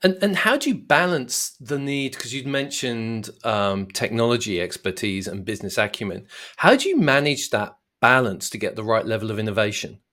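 A man's voice: medium pitch, expressive, moderate pace, hardly any pauses, fairly bright tone. Podcast host guy, asks long questions, mid voice, keeps it engaged. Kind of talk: interviewer asking questions.

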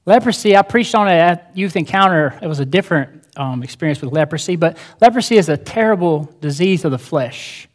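A man's voice: on the high side, expressive, fairly quick, few pauses. A male pastor preaching a sermon in a church, earnest and emphatic, repeating his key phrases.

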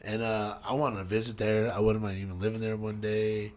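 A man's voice: on the low side, flat delivery, a little fast, a little mellow. A man co-hosting a podcast, easygoing, asking questions in casual chat. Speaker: podcast co-host.

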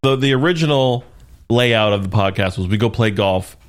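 A man's voice: on the low side, moderate pace. A young man co-hosting a casual golf podcast, joking and swearing with a friend and laughing often. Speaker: podcast co-host. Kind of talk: casual chat.

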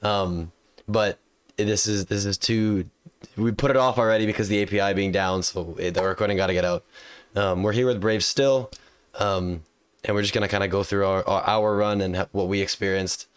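A young man with a deep voice and a cold, hosting a casual gaming podcast that is streamed live. He rambles, with many fillers and restarts. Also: fairly even intonation, normal speed, smooth. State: sick with a cold. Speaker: podcast host.

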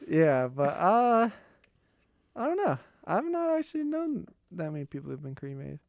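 A young American man in casual conversation. His voice is smooth and clear, a touch high, with an easygoing delivery. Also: wildly swooping pitch, moderate pace, no room sound, highs cut off. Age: young adult. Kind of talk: casual chat.

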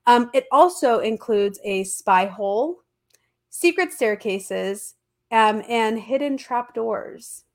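Speaking slowly with lively intonation, a woman with a fairly high voice narrates history as a podcast host. Her nose is stuffy from allergies, and her delivery is chatty, slangy, and emphatic in a casual, conversational style.

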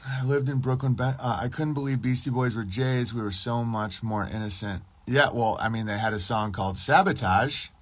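A man's voice: medium pitch, steady tone, moderate pace, a bit bright. A man streaming a casual, rambling monologue, often profane and losing his train of thought. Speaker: podcast streamer.

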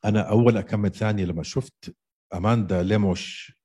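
Deep husky Levantine Arabic-accented man. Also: steady tone, quick pace, mellow. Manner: emphatic, repeats phrases. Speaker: co-host of an MMA podcast. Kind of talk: casual sports chat.

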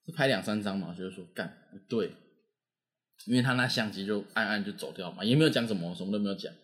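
A man's voice: on the low side, very fast. A young man with a Taiwanese Mandarin accent, telling a story in casual chat and acting out the voices of the people in it. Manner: lively, animated, acts out quoted voices.

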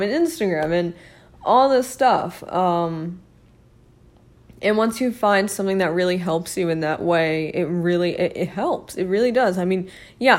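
A young woman talks alone on her podcast in a loose, rambling way, full of fillers and small laughs at herself. Her voice is hoarse and frayed from losing it, and it sits slightly low for a woman. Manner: rambling, many fillers, self-mocking laughs. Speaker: podcast host. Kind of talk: casual solo podcast chat.

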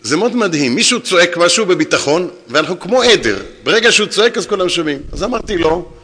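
A rabbi giving a lecture to an audience, telling stories and acting out the dialogue himself. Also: male voice, sits high, breathy edge. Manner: animated storyteller acting out quoted dialogue. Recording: long hall reverb.

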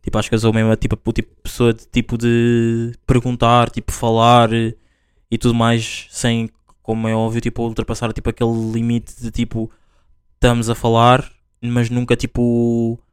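Rambling young Portuguese man, smooth voice. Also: medium pitch, completely flat delivery, moderate pace, no echo, clean studio sound. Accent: European Portuguese. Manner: rambling, heavy with "tipo" fillers and restarts. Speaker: podcast host. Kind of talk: casual solo podcast chat.

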